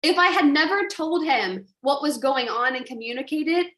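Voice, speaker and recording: A woman's voice: high-pitched, lively intonation, normal speed, a bit bright, echoey room. A woman coaching a group in a motivational talk, pressing with repeated rhetorical questions. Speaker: business coach.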